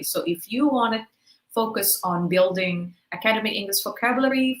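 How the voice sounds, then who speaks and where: Teachers attend this webinar, where a woman from Indonesia, a native Indonesian speaker, lectures patiently in a fairly bright voice of ordinary middle pitch. She explains each example in turn and checks understanding by asking "right?". Room echo is noticeable in the recording.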